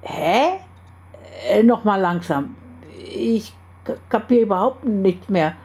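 A woman's voice: mid-range voice, expressive, takes it slowly, darkish tone. A woman reading aloud and voicing a skeptical man who stammers in confusion. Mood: bewildered. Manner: stammering, agitated questions.

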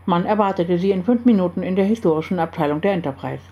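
Woman narrator, mellow and even, reading a story aloud. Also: on the low side, fast, muffled recording. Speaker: story reader. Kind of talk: scripted narration.

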